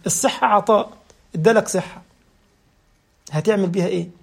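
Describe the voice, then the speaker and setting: A man's voice: sits high, fairly quick, vocal fry, slightly rough. A man with an Egyptian Arabic accent, giving a humorous religious talk as a preacher and laughing through his jokey anecdotes.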